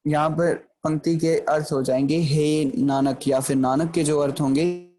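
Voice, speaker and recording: A man giving an explanatory grammar lecture, patiently checking in with the listener and slowing down to recite verse lines for emphasis. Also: on the high side, steady tone, dark tone, soft background music. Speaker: Gurbani grammar teacher.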